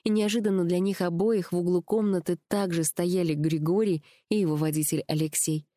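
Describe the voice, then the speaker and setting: A woman narrating an audiobook with an even, measured reading. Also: on the low side, dry recording.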